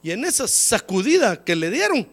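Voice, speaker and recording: A male pastor preaches a sermon at a church service, his gravelly voice lively in pitch and roughened by a cold. He speaks at a moderate pace in a folksy manner, repeatedly calling listeners "hermano" and acting out quoted voices, climbing high when he gets emphatic.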